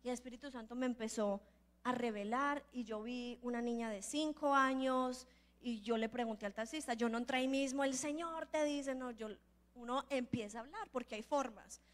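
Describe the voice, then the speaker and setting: A woman preaching at a church conference, telling a personal testimony in a lively way and acting out the people in her story. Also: on the high side, moderate pace. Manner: lively storyteller who acts out the voices in her stories; earnest, building to emphatic declarations. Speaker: prophet and preacher.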